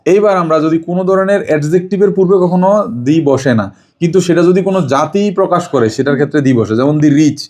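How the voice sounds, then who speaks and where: Man, english tutor, quizzes the kid, quick, slightly high voice. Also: darkish tone. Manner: asks the child questions and repeats answers. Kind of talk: home tutoring lesson.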